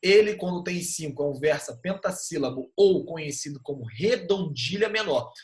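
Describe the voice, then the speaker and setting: A man's voice: on the high side, expressive, normal speed. Patient Brazilian man teaching a class. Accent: Brazilian Portuguese. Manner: patient, checks understanding with frequent "tá bom?". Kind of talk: online class explanation.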